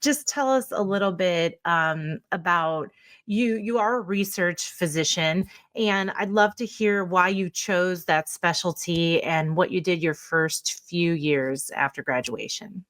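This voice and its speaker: A woman's voice: on the low side, unhurried. A woman hosting a podcast, reading her introduction and then interviewing her guest with encouraging murmurs. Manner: warm and encouraging, frequent affirming murmurs. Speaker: podcast host.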